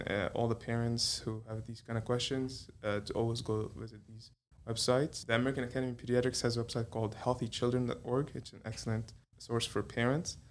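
Flat-voiced Egyptian-born pediatrician. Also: male voice, mid-range voice. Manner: hesitant, many fillers and restarts. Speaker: pediatrician guest. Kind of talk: conversational interview.

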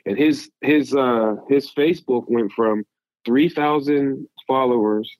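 A man's voice: medium pitch, slow pace, darkish tone, no room sound, low-quality recording. A man talking casually as a podcast guest, giving advice in an emphatic, rambling way.

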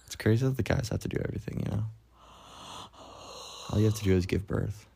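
A man's voice: lowish voice, fast, creaky, dark tone, breathy edge. A man from Canada co-hosting a podcast, chatting casually and swearing freely. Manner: laid-back, swears freely. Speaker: podcast co-host. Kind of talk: casual chat.

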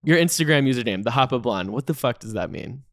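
A young man co-hosting a casual podcast, loud and teasing, swearing freely. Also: medium pitch, expressive, quick pace. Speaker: podcast co-host.

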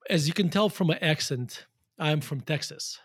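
A man's voice: on the high side, normal speed, breathy edge, no echo, studio quality. A man in his forties with a Russian accent, a guest in an interview, talking loosely with many fillers and restarts. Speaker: guest investor. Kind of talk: conversational interview.

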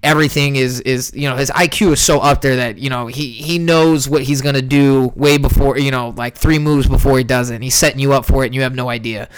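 A man talking through an upcoming fight card in a loose, rambling way, stumbling over his words and correcting himself constantly. His voice sounds smooth and resonant. The recording is dry and close, with no room sound around him. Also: mid-range voice, steady tone, fairly quick, hardly any pauses, no room sound, rough recording. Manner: rambling, many fillers and self-corrections. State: hiccups. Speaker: MMA podcast host. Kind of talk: casual fight breakdown.

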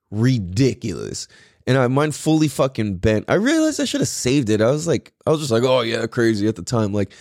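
A man's voice: medium pitch, darkish tone, no echo, clean studio sound. A man casually telling a story in a rambling, profane way, full of fillers and restarts.

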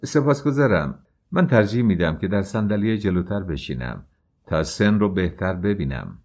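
A man with a low voice reading a courteous young journalist who politely turns down an offer, in an audiobook. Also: very animated, darkish tone, exaggerated voice.

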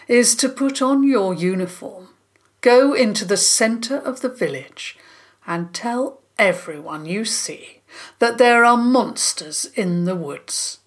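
Woman doing a monster king, male, menacing, taunting, drawn-out, breathy whispered endings, storybook. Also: medium pitch. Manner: slow, drawn-out, taunting delivery.

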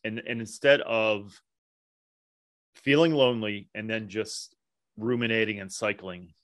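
A man's voice: on the low side, a little slow, fairly bright tone, no echo, studio quality. A man co-hosting a podcast, thoughtful and asking questions in casual chat.

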